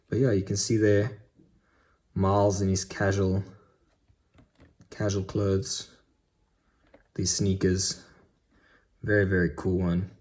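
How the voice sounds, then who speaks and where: A man's voice: low voice, a little mellow. A young man casually chatting through his collectible purchases in a vlog, enthusiastic with frequent ums. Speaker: Funko Pop collector vlogger.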